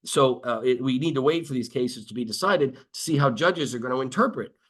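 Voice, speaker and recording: A man's voice: mid-range voice, a little fast, fairly bright tone. A man giving a webinar presentation as a lawyer, explaining in a conversational way with many fillers and restarts and occasional dry sarcasm.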